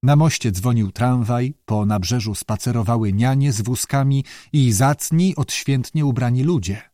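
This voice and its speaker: Calm male audiobook narrator, dry sound. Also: mid-range voice, normal speed, no echo.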